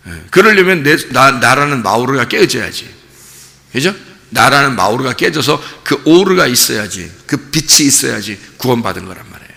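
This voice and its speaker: A man's voice: medium pitch, very animated, normal speed, vocal fry, bright, forceful tone. A middle-aged male pastor giving an early-morning sermon in a church, talking conversationally, asking the congregation rhetorical questions and chuckling often. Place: church sanctuary. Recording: long reverb of a church hall.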